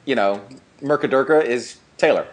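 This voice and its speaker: A man co-hosts a gaming podcast, chatting casually with informal slang in a mid-range voice at a moderate pace. He is also a gaming YouTuber.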